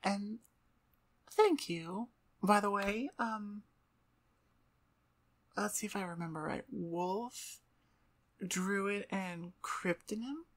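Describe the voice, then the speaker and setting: Drawing out her words and leaving long pauses, a medium-pitched woman chats self-deprecatingly in a rambling outro as an ASMR performer hosting her channel. She's on the floor before a computer desk, close to a microphone set about twelve inches away at eye level.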